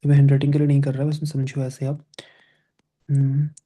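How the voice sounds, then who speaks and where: A man's voice: mid-range voice, completely flat delivery, a little fast, mellow. A man teaching a grammar lesson, explaining step by step and constantly checking with his students, switching between Hindi and English phrases.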